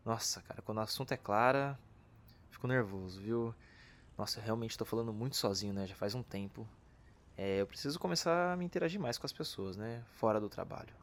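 Man acting as nervous lovesick detective, self-doubting, excitable rambler, lively swings in pitch, comedy-drama. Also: fairly quick. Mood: anxious, self-mocking. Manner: rambling, excitable, talks to himself. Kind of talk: acted comedy-drama dialogue.

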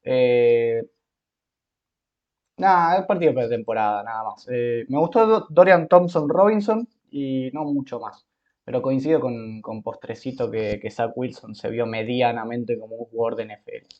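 A man, a joking podcast co-host who trails off quietly. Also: medium pitch, moderate pace, dull audio. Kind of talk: casual sports chat.

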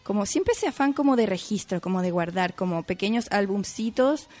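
A woman with a Chilean accent, talking casually in an interview, chatty, full of fillers and quick to laugh. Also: medium pitch, animated, a little mellow. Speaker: guest.

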